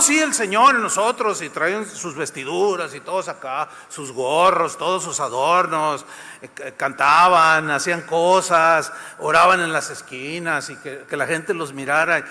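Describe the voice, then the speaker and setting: A man's voice: on the high side, sharp tone, big-room sound. A man with a Mexican accent preaching a sermon, retelling scenes vividly and addressing the congregation. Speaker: pastor.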